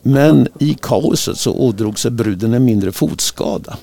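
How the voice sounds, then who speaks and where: Man with a gravelly husky voice. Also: mid-range voice. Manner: relaxed storyteller reading music trivia. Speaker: radio co-host. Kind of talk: casual radio chat.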